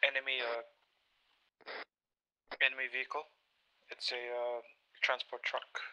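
Man heard over a radio, halting squad callouts with gunfire behind. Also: mid-range voice, completely flat delivery, pushed and bright, poor audio. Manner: halting, with many "uh" pauses. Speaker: squad member in a military game. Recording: gunfire noise in the background. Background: gunfire from the game.

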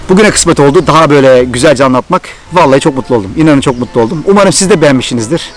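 Fast-talking excited Thracian Turkish man. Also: mid-range voice. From Turkey. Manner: excited, animated storytelling. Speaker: vlogger. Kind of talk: storytelling vlog.

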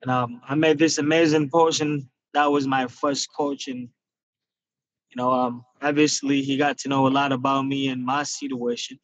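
A Nigerian man in his twenties, a guest fighter, talks casually through interview questions on a video call from a parked car. His mid-range voice is flat and moves at normal speed, earnest and reflective but packed with fillers. The phone-camera audio comes across dull and lo-fi.

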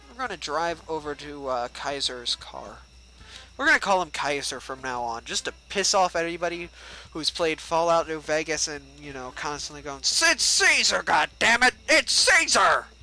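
A man's voice: a little high, normal speed, bright, forceful tone, rough recording. A young man giving casual, joking let's-play commentary and chatting at the game's characters. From United States. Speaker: gameplay livestreamer.

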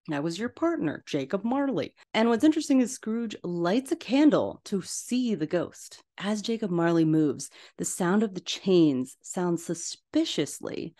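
A woman podcast host, retelling a cartoon scene by scene in a lively, playful way and acting out the characters' lines. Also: on the low side. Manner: animated, playful storytelling with acted-out quotes. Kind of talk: casual film recap.

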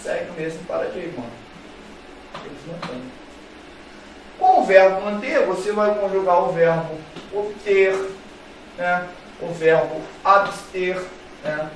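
A man's voice: high-pitched, animated, slow, long pauses, slight background noise. A man with a Brazilian Portuguese accent teaching a grammar lesson, playful and repetitive, speaking straight to his students. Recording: very echoey room, voice far from mic.

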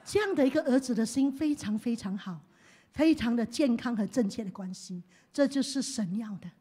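A woman pastor preaching a sermon. She swings from hushed to loud and leads the congregation in call-and-response. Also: on the high side, lively intonation, moderate pace, breathy edge.

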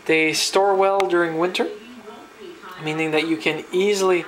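His voice sits high and his speed is normal as this New Brunswick, Canada home cook rambles through a casual kitchen vlog. Relaxed, with frequent fillers and restarts, the handheld-camera footage has rough sound.

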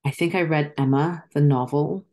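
A middle-aged woman from Zimbabwe, an actress and guest, chatting on a video call from a dim room at home. She speaks articulately and reflectively, with soft laughs and filler ums. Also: low-pitched, fairly even intonation, normal speed. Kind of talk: casual interview chat.

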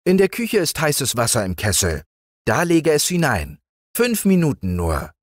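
A man's voice: a little high, huge pitch swings, measured pace, dry recording, clean studio sound, pitched above the performer's own voice. A man voicing an exasperated mother scolding her foolish son in a storybook tale.

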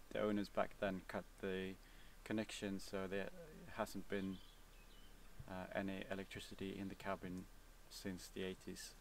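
Young Swedish-accented man, casual and halting, level low delivery, recorded outdoors from a few feet away. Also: distant mic, a little hiss or hum. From Sweden. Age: young adult. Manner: relaxed, hesitant, many fillers and restarts. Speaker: vlogger. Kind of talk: casual Q&A answers. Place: outdoors, seated on a cabin bench by woods.

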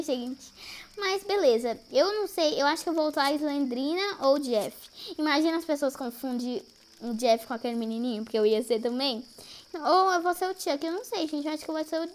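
A woman's voice: high-pitched, a bit bright. A woman giving live gameplay commentary as a YouTuber, jumpy and easily frightened, shrieking at scares and constantly talking to her viewers. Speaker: gaming YouTuber.

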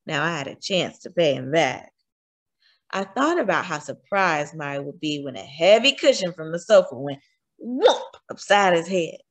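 Animated woman reading a children's book. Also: deep voice. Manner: expressive, animated. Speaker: teacher reading aloud. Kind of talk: children's storybook read-aloud.

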